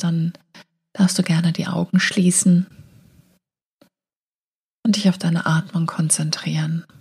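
Woman doing slow hypnotist voice for guided meditation, breathy almost whispery, dark mellow tone. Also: fairly low pitch. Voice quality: breathy, often falling near a whisper. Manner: slow hypnotist voice, drawn-out soothing instructions with long pauses. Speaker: meditation guide and show host.

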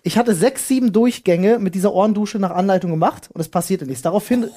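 Husky man telling a story in a casual podcast. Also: high-pitched, quick pace. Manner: animated storytelling, slangy. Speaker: podcast co-host. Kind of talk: casual chat.

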